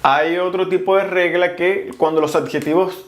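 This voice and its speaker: A man's voice: sits high, steady tone, moderate pace, echoey room, a little hiss or hum. A man teaching a casual video lesson, explaining grammar rules step by step and spelling out letters. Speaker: French teacher.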